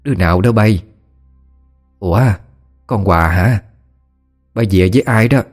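A fussy, affectionate old village mother from an audiobook, with a Southern Vietnamese accent and a homely scolding way of talking, as a male narrator puts her on. The voice stays low and deep, and faint music plays underneath. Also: a little slow. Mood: fond.

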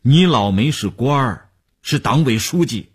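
A man playing a shrewd middle-aged businessman who talks in a slow, low, measured and persuasive way, with a husky voice. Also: expressive.

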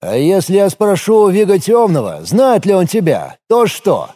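A man's voice: high-pitched, very animated, normal speed, mellow, voice pushed up. A man doing a crude, barking gang boss. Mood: suspicious. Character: rough commanding male gang leader. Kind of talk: audiobook character voice.

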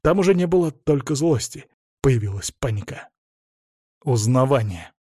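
Dark, husky male audiobook narrator. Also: mid-range voice, animated, normal speed, dry recording, clean studio sound. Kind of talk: first-person scripted narration.

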